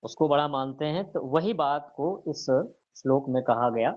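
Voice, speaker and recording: A man with a fairly high voice gives a scripture lecture in a calm, explaining way. He keeps asking his listeners questions and answering them himself, and slows down to recite verses. The recording sounds dull and lo-fi. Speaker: teacher of scripture.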